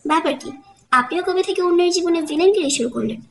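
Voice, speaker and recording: A woman's voice: very high-pitched, fast, vocal fry, fairly bright tone, a little hiss or hum, full character voice. A woman voicing a playful young husband who teases his wife wryly, in an audiobook. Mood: teasing. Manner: teasing, wry.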